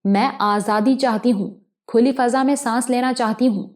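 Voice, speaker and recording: A woman voicing a desperate young woman in a criminal gang, tearful and near breaking, who turns to frantic shouting. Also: a little high, steady tone, close to an everyday voice. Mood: defiant. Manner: tearful, then screaming in a frenzy.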